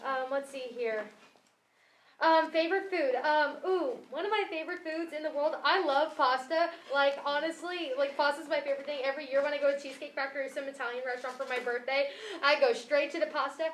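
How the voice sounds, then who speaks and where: A woman's voice: high voice, fairly even intonation, a little fast, fairly bright tone, reverberant, a little hiss or hum. A teenage girl co-hosting a casual group podcast, giggly and eager. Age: teens. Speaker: podcast co-host.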